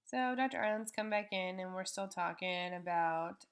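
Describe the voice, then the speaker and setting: A woman's voice: on the low side, moderate pace, clear, resonant tone. A woman on veterinary staff gives live explanatory commentary on a procedure, speaking informally and patiently, step by step.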